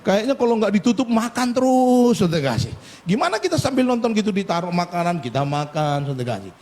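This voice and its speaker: A middle-aged man preaching a sermon as a pastor, animated and humorous, with frequent asides to the congregation. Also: high-pitched, fast. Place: church.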